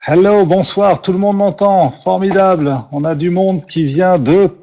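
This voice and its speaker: A man's voice: sits high, a little slow, warm tone, highs cut off. Upbeat French man hosting a webinar. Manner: upbeat, self-translating, many fillers and restarts. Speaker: webinar host, company vice president. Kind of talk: bilingual live webinar, English then French.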